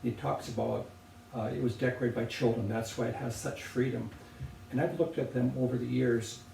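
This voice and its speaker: Older man with gravelly, mellow voice. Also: medium pitch, steady tone. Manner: thoughtful, unhurried, with pauses and restarts. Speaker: potter presenting objects. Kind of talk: relaxed reflective conversation. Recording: roomy, distant from the mic, faint noise.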